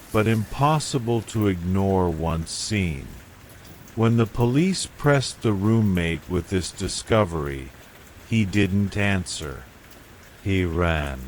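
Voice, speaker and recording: A man calmly narrating a bedtime horror story in a hushed, measured way. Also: fairly low pitch, slight background noise. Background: falling rain.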